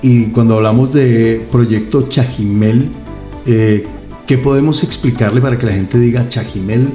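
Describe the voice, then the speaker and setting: A radio host interviews someone in a warm, mellow, medium-pitched voice with fairly even intonation. He sounds enthusiastic, adds exclamations, and pauses on hesitant fillers while soft music plays faintly beneath him.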